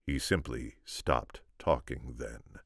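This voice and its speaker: Deep voiced guy reading a story aloud, steady and expressive, dry no-room sound. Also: takes it slowly, vocal fry, husky, dry recording. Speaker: amateur audiobook reader. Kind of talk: storybook narration.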